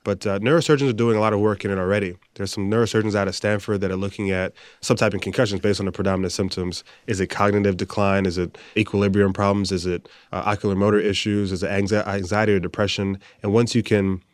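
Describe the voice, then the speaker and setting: A man's voice: fairly low pitch, level tone, quick pace, few pauses, no echo. A young man from the Bahamas, a new doctor, giving earnest, articulate interview answers. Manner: earnest and articulate, some restarts. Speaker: guest, new medical doctor.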